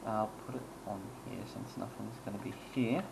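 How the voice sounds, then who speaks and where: A man's voice: lowish voice, steady tone, normal speed, creaky, heavy background noise. A man giving casual, rambling gameplay commentary, chuckling and making self-deprecating asides as he goes. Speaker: gaming channel host.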